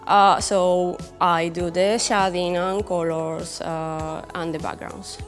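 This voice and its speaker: Interviewed on a brick-walled indoor studio set, a young Spanish woman who creates comics speaks slowly, halting and giggling as she hunts for words. Her voice is of average female pitch with a level tone, and her Spanish accent comes through. Music plays in the background, and the room adds long reverb.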